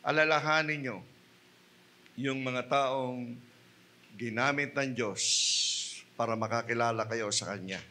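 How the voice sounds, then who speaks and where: A Filipino man preaching a sermon in church, mixing English phrases into his talk, calling out to the congregation and swinging from quiet asides to loud, emphatic peaks. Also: mid-range voice, unhurried, pauses often. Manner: mixes English into Tagalog, asks the congregation "Hello?" and "Amen?". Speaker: pastor.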